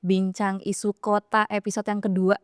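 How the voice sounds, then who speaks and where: A woman's voice: medium pitch, level tone, normal speed, clean tone, no echo, studio quality. Playful young woman podcast host. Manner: playful, bantering. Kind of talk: upbeat podcast banter.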